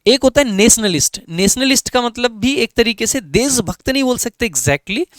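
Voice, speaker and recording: Man, Indian English accent, online exam-prep teacher, high voice, step-by-step explanations, dry close mic. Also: expressive, normal speed, fairly bright tone, no room sound. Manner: explains each option step by step and often checks in with "ठीक है".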